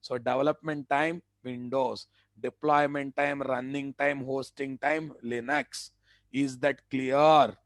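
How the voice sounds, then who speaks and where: A man's voice: mid-range voice, fairly even intonation, slow, no room sound. Emphatic Telugu-accented male instructor, close dry sound. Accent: Telugu-accented Indian English. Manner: repetitive, emphatic, rhetorical check questions. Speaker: web development instructor. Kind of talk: live online lecture to students.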